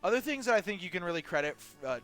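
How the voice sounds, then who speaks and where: A man's voice: high-pitched, expressive, very fast, a bit bright, faint music behind. A man co-hosting a gaming podcast, chatting casually while he plays, laughing often. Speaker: co-host playing a game. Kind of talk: casual chat while playing.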